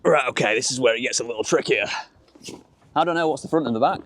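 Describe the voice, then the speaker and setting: Talking fast in a mid-range, fairly bright voice, a Yorkshire man hosts a casual car vlog in colloquial British slang. The setting is outdoors around a small open-top car, with noisy car and outdoor ambience throughout.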